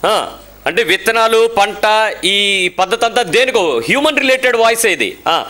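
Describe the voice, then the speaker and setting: A man preaching a lively sermon in church, firing rhetorical questions at his listeners and slipping English phrases into his speech. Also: high-pitched, measured pace. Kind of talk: sermon to a congregation.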